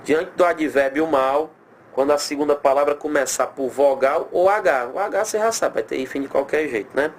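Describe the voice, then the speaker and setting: Speaking with a Brazilian accent in a slightly high voice, this man delivers a recorded grammar lesson over a faint hiss or hum. He's animated, stretching example words out slowly and asking himself rhetorical questions.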